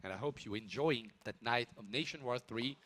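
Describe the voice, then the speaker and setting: A male esports caster talks through a live stream at a middle pitch. He chats casually and playfully with his partner and slips in the odd French word now and then. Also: moderate pace, fairly bright tone. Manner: chatty, playful, breaks into French words.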